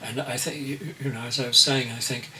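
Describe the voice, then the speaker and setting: Slow and deliberate, an elderly artist in his eighties reflects in an interview, stopping frequently as he hunts for each word. His bright, medium-pitched voice keeps a fairly even intonation. The mic is distant, picking up faint hiss.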